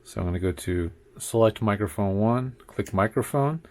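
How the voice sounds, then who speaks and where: In his home studio, a man with a lowish voice and moderate pace chats through a laid-back tech tutorial. As a tech reviewer, he talks into a desk-arm condenser mic, repeatedly doing mic checks and counting, while a computer hums faintly behind him.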